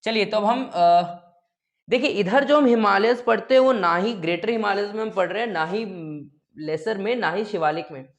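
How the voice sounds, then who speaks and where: A man's voice: sits high, moderate pace. A man teaching a geography lesson. He is playful, uses joking memory tricks and keeps checking in with the students. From India. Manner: often checks in with "okay?".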